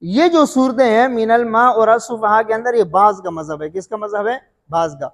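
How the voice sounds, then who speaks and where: A male recitation teacher with a high voice talks through a lesson, asking a question and then answering it himself, and often checking that his students follow. The sound rings on in a long hall reverb. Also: normal speed. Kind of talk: classroom lesson.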